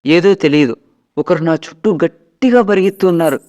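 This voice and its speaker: A man's voice: a little high, moderate pace, a little mellow. A man narrating a first-person Telugu ghost story, dramatic and quoting his family as he goes.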